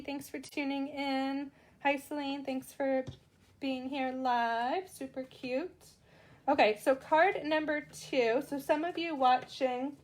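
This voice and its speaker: Chatty Boston woman teaching card stamping. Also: sits high. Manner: chatty, greets viewers while working. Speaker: card-making demonstrator. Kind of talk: live stamping tutorial.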